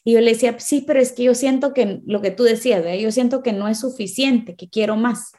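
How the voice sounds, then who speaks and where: Woman cohost, kinda high voice, tells stories with lots of "right?", faith talk show. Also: brisk. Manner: warm affirmations, animated storytelling, frequent "¿verdad?". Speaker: co-host. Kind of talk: faith-based couples talk show chat.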